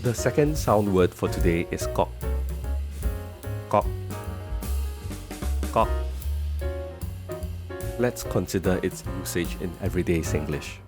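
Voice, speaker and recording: A man with a Singaporean accent hosting a scripted explainer in a wry, articulate, measured way. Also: low voice, animated. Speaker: host and presenter. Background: music under the voice.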